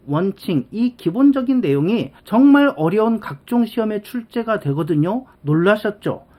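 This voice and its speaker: A chatty teacher explains grammar in a relaxed spoken lesson. The voice sits in a middle pitch, and the teacher slips into little acted-out quotes of everyday speech. Soft background music plays behind the talk.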